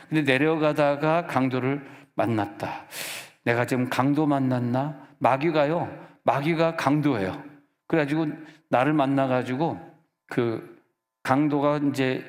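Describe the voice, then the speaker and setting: A middle-aged man, a senior pastor, preaching a sermon in a church sanctuary and telling personal stories in a relaxed, conversational way. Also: a little high. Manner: conversational, storytelling with personal anecdotes. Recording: reverberant church hall.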